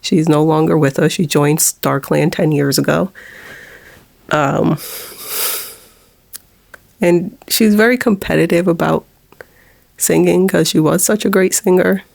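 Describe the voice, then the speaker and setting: In this vlog, a woman in her forties speaks haltingly about something personal, her voice low, monotone, and gravelly. She laughs nervously while holding back tears.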